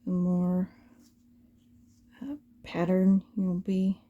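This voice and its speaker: A woman's voice: fairly low pitch, monotone, very slow, narrow, tinny audio. A woman giving a casual hands-on craft tutorial, informally thinking aloud as she works.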